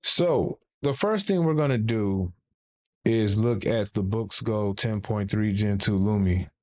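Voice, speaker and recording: A man hosts a relaxed tech livestream with a somewhat low voice. He rambles, jokes and circles back mid-sentence as he talks. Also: measured pace. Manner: rambling and playful, with many restarts. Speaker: livestream host. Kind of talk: casual livestream chat.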